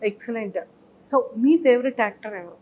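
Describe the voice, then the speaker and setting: A woman interviewer asking questions in a lively way and praising her guest freely. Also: on the high side, fairly quick, a little hiss or hum. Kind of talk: casual interview talk.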